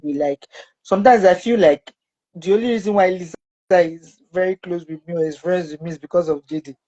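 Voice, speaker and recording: Woman, low husky voice, a little muffled, animated storyteller as an interview guest. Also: brisk. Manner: animated, acts out her son's screams in a high voice.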